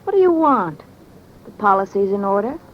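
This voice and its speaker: In 1940s-50s old-time radio acting style, a woman portrays a haughty, short-tempered rich widow, icy, imperious and cutting. Her medium-pitched voice is sing-song and close to everyday speech at normal speed, heard through a dull, noisy old radio recording.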